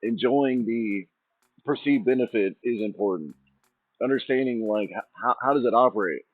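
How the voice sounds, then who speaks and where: A man's voice: mid-range voice, moderate pace, no echo. A man hosting his own channel, talking in an informal, meandering ramble that restarts thoughts mid-sentence. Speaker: channel host. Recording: tinny phone-like sound, dry, faint music.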